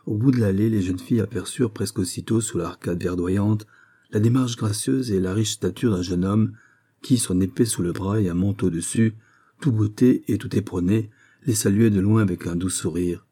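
Husky, dark-voiced male audiobook reader. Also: on the low side, moderate pace. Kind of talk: scripted narration of a classic novel.

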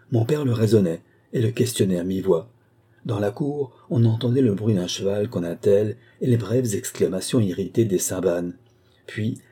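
Dark, husky male audiobook narrator. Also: lowish voice.

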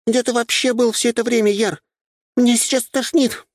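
A man voicing a squeamish, shrill young girl in an audiobook, whiny and loud. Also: steady tone, normal speed, dry recording, studio quality. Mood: disgusted. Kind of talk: audiobook character voice.

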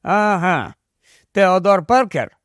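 A man's voice: high voice, expressive, takes it slowly, fairly bright tone, no room sound, exaggerated voice. A man reading an audiobook voices an ironic male office colleague with dry, laid-back humor. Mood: wry.

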